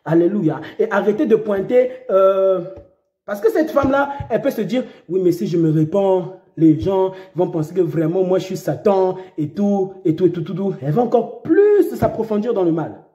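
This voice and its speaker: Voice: mid-range voice, lively intonation, normal speed. Dramatic preacher in an echoey room. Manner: dramatic, repeats phrases, acts out cries and shouts. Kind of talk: impassioned sermon.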